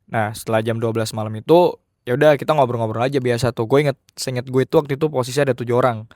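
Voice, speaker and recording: A man's voice: medium pitch, steady tone, racing, darkish tone, no room sound. Guy spinning a spooky story, chatty and slangy, dry close sound. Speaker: podcast storyteller. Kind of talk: casual horror storytelling chat.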